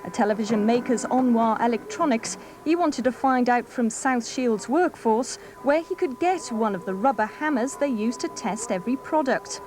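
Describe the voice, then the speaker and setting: A woman TV news reporter reading a scripted report in a measured, even way, heard from a worn VHS tape copy. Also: a little high. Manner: measured, even newsreader delivery. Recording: hissy worn videotape copy.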